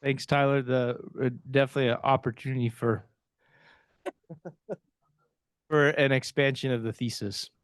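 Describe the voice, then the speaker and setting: A man presenting at a conference, answering audience questions in a thoughtful, measured way that often trails off. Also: mid-range voice, steady tone, no room sound.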